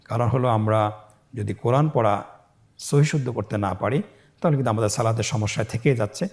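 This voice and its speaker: A man teaching Quran reading, spelling Arabic syllables aloud and blending them into words, with calm classroom-style explanation. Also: medium pitch, a little fast. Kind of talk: step-by-step recitation lesson.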